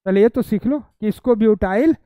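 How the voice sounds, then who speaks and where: A man's voice: high-pitched, normal speed, dry recording, narrow, tinny audio. A male chemistry teacher giving a classroom lecture, constantly quizzing students, repeating their answers back and teasing them playfully.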